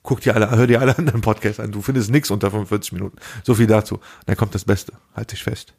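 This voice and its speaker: Speaking fast in a lowish, creaky voice with a darkish, breathy tone and fairly even intonation, a young man co-hosts a podcast. He uses slang freely and acts out conversations while telling lively stories.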